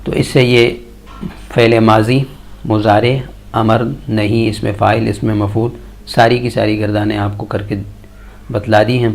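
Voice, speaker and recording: Low gravelly man reciting grammar drills. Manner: chants verb conjugation tables in steady measured lists. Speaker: Quran and Arabic grammar teacher. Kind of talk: slow recited grammar lesson.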